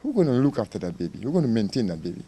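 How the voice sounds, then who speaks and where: A middle-aged man from Dominica talks in a dark, mellow voice. He speaks with passion and returns to the same points in a news interview. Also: mid-range voice, big pitch swings, racing, husky. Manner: impassioned, repetitive. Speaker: interviewee, victim's uncle.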